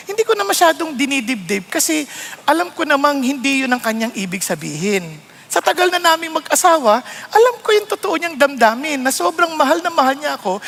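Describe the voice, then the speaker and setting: A middle-aged Filipino pastor, a man, preaching in a playful, animated way, often laughing and acting out quarrels in swooping voices. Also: extremely high pitch, vocal fry. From Philippines. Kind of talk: animated Taglish sermon.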